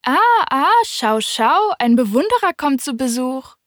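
A woman reading an audiobook, voicing a vain, boastful man who loudly demands admiration. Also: high-pitched, expressive, normal speed, no room sound, studio quality, voice pushed up. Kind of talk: audiobook character voice.

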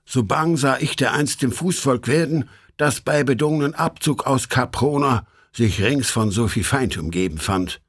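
A man reading an epic poem aloud in measured, solemn audiobook narration. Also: medium pitch, slightly rough. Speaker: audiobook reader.

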